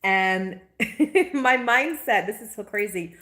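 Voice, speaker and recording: Woman, 40s, casual live-stream chat, animated and chatty, mid pitch, greets viewers by name. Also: takes it slowly. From Guyana. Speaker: spiritual teacher.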